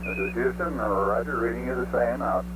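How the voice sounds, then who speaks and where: A man at mission control making measured, clipped procedural calls to a spacecraft over radio. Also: mid-range voice. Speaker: mission control capsule communicator. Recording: noisy humming archival radio loop.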